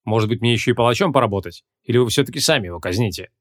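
A man voicing a hot-tempered ancient male archmage, gruff and imperious, in an audiobook. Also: medium pitch, rapid-fire, a bit bright, close to an everyday voice.

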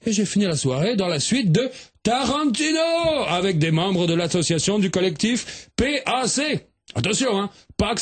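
A man performing a crude, boastful comic sketch monologue as a radio columnist, shouting and muttering by turns. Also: high-pitched, husky.

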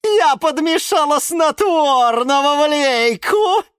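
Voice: mid-range voice, very animated, measured pace, fairly bright tone, dry recording, clean studio sound, pitched above the performer's own voice, heavily acted. A reader voicing a jealous, spiteful female houseplant in a children's audiobook, snide and mocking. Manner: snide, mocking, shifting between shrieks and hisses.

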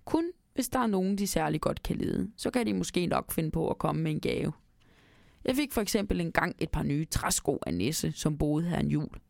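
A woman voicing a kindly old grandfather in a storybook reading, calmly telling tall tales to his grandson. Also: sits low, creaky, no echo, clean studio sound. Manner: calm, storytelling, reassuring.

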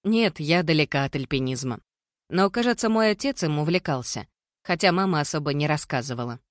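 A reader voicing a secretive young woman who answers softly and evasively, in a dry recording. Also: deep voice, expressive, brisk, dry recording.

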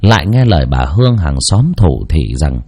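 A man narrating a heartfelt village story in slow, scripted storytelling. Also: very deep voice, big pitch swings, dark tone, slightly rough.

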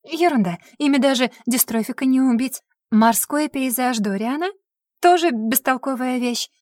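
A woman reading a novel aloud in the first person, with lively, sardonic storytelling. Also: high voice, moderate pace, no room sound, clean studio sound. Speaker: audiobook narrator.

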